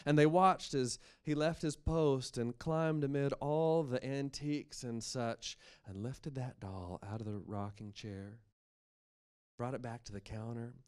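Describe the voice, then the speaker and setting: An American man performs as an oral storyteller. He paces a spooky tale deliberately and leans on words for dramatic effect. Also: medium pitch, clear, resonant tone. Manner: dramatic, deliberate pacing with expressive emphasis.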